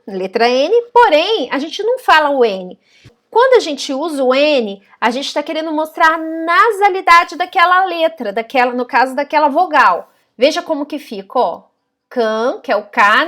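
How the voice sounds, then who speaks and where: A woman teaching a recorded grammar lesson, explaining step by step and slowly sounding out words. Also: high voice, fairly bright tone. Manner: patient, explains step by step with frequent "tá?" and "ó".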